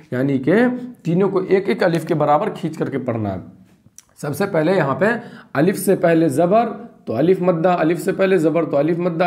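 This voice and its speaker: A man's voice: a little high, darkish tone. Patient man drawing out syllables. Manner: patient, repetitive, drawn-out syllables. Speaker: Quran reading teacher. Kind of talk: spelling-out lesson.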